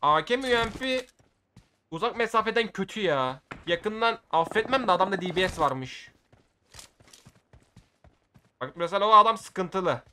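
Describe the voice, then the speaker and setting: High, bright-voiced excitable gamer man. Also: moderate pace, a little hiss or hum. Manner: excitable, shouts at the game, slangy. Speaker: gaming video creator. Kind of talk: live gameplay commentary.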